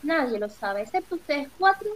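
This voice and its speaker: A woman's voice: sits high, sing-song, normal speed, rough recording. Storybook: a woman reading a timid old wizard man, nervous and begging. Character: frightened old male humbug wizard.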